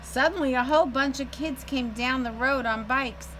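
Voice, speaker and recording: Out on a patio, a middle-aged woman tells a story from a picture book to children, reading it aloud slowly. Her voice is high and a bit bright, at a normal speed. The recording quality is poor, carrying some background noise and the ambience of the outdoors.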